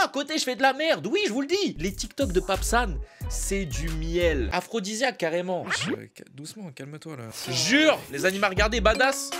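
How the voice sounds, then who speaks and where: A woman giving a casual, slangy reaction commentary, animated and quick to swing from loud outbursts to low mutters. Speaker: YouTuber reacting to videos. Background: background music.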